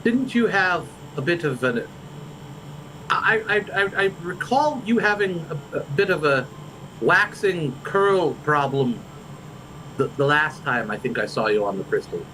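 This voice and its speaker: A man's voice: a little high, lively intonation, a little slow, bright, forceful tone, slight background noise, low-quality recording. A man hosting a livestream, chatting in character in fantasy improv, stammering and rambling with many restarts. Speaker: livestream role-play host.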